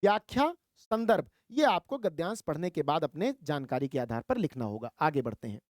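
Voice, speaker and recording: A man teaching a Hindi exam prep lesson, explaining step by step and reading verse slowly. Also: fairly high pitch, very animated, dry recording, clean studio sound.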